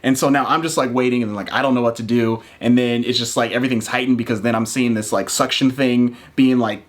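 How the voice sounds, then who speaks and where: A young man, a new father and vlogger, telling a story with animation and jumping into a higher voice to quote people. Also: fast. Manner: excitable, acts out quotes in raised voice.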